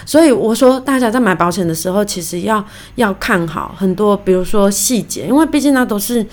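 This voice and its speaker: A woman's voice: mid-range voice, fairly quick. A young woman with a Taiwanese Mandarin accent, hosting a podcast and animatedly telling a personal story, acting out the quoted lines of each person. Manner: animated, acts out quoted dialogue. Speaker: podcast host. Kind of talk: casual storytelling monologue.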